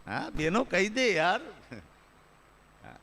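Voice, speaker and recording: A man's voice: sits high, very animated, slow, vocal fry, fairly bright tone, a little hiss or hum. A man from Kathiawad with a Kathiawadi Gujarati accent, telling chatty comic stories on a live stage and often calling the audience sir. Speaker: stand-up comedian. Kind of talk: live folk stage comedy storytelling.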